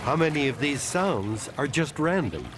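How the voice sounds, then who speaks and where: A man's voice: on the high side, big pitch swings, normal speed, very noisy. A man reading scripted narration for a nature documentary. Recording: music behind the voice. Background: music.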